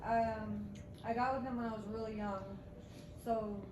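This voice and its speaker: A woman in a recovery group sharing her story hesitantly, pausing with many fillers. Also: a little high, flat delivery. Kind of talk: personal sharing. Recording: distant roomy recording with noise.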